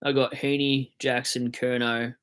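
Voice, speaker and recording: Australian male streamer, mid-pitched, loose chatty delivery with the odd swear and mock rant. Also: level tone, unhurried, fairly bright tone, clean tone. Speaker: fantasy football livestream host. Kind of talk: casual livestream chat.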